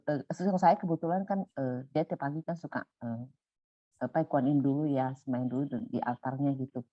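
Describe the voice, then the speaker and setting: A middle-aged woman telling a personal story in a casual, animated way, going high when excited and soft when calm. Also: breathy edge, no echo. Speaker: volunteer sharing a personal story. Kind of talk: casual storytelling in a sharing session. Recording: muffled dry sound.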